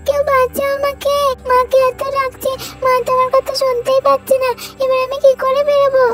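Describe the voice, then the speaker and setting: A woman voicing a mischievous little child in a storybook doll story, calling out in a high, whiny way. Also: completely flat delivery, fairly quick, over loud music. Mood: panicked. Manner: high childish whining calls.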